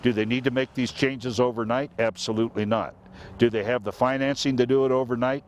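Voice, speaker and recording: A man's voice: medium pitch, fairly even intonation, brisk, a little hiss or hum. A man interviewed outdoors on a city street, talking in an emphatic, exasperated way with rising questions. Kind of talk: news interview.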